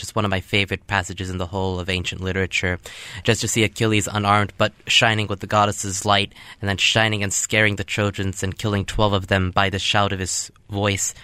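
A man hosting a show, reading epic verse aloud with his own commentary in a measured way. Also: lowish voice, sharp tone, clear, resonant tone, no room sound. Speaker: host reading classic literature.

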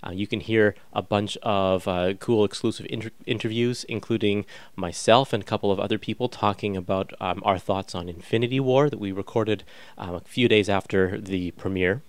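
Male podcast host, 30s, lower register, dry recording, casual and enthusiastic delivery. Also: moderate pace, no echo. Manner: enthusiastic, informal. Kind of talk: casual chatty podcast hosting.

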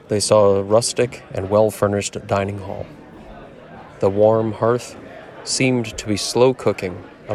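A man narrating a fantasy adventure in a measured, descriptive storytelling manner. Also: on the low side, darkish tone. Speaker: narrator and game master. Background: music.

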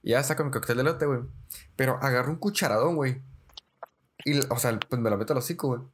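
A young man, a podcast co-host telling stories in slangy, animated casual chat. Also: mid-range voice, fast, slight background noise. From Mexico. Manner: slangy, says "güey" constantly, animated storyteller.

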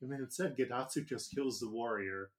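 A male podcast co-host recaps an episode in a loose, joking manner, laughing along and scattering filler words through his telling. He speaks fairly quickly in a voice of middling pitch.

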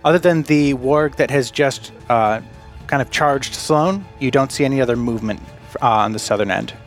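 Male game master, brisk and playful, faint music under him. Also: medium pitch. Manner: quick, laughing, playful narration. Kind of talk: narrating a tabletop game.

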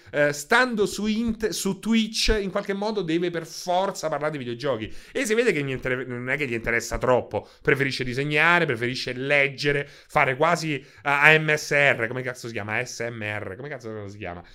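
A man chats live with his stream's viewers, swinging into excitable, profane rants. His voice is bright and forceful, pitched a little high, and he talks into a handheld microphone. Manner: excitable, profane, ranting at chat. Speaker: video game streamer. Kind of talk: casual live-stream chat.

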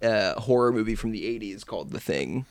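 A man's voice: on the low side, animated, a little fast, no room sound. A man hosting a podcast, chatting casually and encouragingly with a young guest, often restarting his sentences. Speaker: podcast host.

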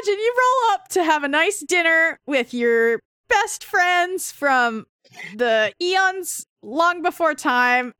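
A woman's voice: sits high, dry recording, studio quality. A woman co-hosting a podcast, animatedly retelling a comic story in casual chat. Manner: animated, dramatic retelling with voiced asides. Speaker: podcast co-host.

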